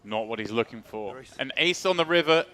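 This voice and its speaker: A man's voice: mid-range voice, lively intonation, a little fast, pushed and bright. A man doing live poker tournament commentary, narrating the action in short dramatic phrases over music.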